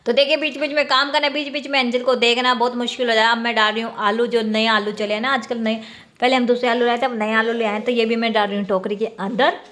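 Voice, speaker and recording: This family vlogger, a woman in her thirties, is a fast talker with a level tone and a slightly bright voice on the high side. She chats casually with viewers while doing housework on camera and laughs frequently.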